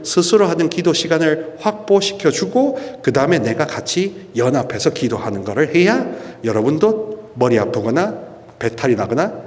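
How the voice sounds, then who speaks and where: A male priest with a fairly high-pitched voice preaches a charismatic sermon at a prayer meeting in a church hall. His delivery is lively and emphatic, full of rhetorical questions and drawn-out stresses. The hall's long reverb carries through the recording.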